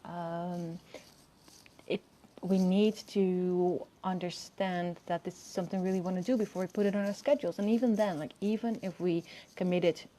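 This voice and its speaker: A woman in her early thirties talking casually to camera outdoors in the open air, softly and in a hesitant, rambling way with self-corrections. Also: fairly even intonation, moderate pace. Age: early 30s. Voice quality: low, soft-spoken voice. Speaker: video host.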